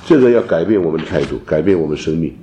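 A man teaching a theology class, lecturing in an animated way and dropping in English terms. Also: rumbling low, quick pace, dull audio, a little hiss or hum. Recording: roomy echo.

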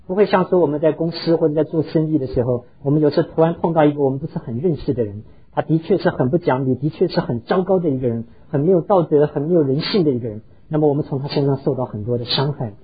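A man's voice: fairly high pitch, quick pace, breathy edge, highs cut off. A pastor preaching a sermon, earnestly telling stories and slipping English words into his talk. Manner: earnest, heartfelt storytelling.

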